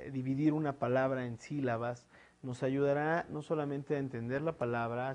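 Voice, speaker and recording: Un hombre con acento mexicano que da una clase grabada de gramática, explicando paso a paso con muletillas como "eh" y "este" y preguntas como "¿no?". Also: male voice, mid-range voice, a little mellow. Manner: explanatory, with frequent fillers "eh" and "este" and tag "¿no?". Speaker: teacher. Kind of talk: recorded online lesson.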